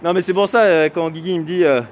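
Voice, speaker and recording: A man's voice: high voice, steady tone, quick pace. A man with a southern French accent hosting a casual live stream while walking outdoors, chatting and laughing often. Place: outdoors on city streets.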